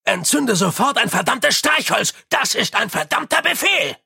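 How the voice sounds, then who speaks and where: Male reader as a gruff watch commander, brusque and exasperated, husky voice. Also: a little high, animated, measured pace, a bit bright, heavily acted. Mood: angry.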